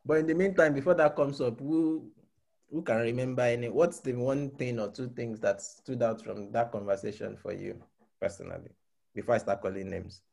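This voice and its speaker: A man's voice: medium pitch, normal speed, gravelly, a little mellow. A man leading an online discussion group over a video call, asking members to recap the last meeting. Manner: calls on people by name to recap.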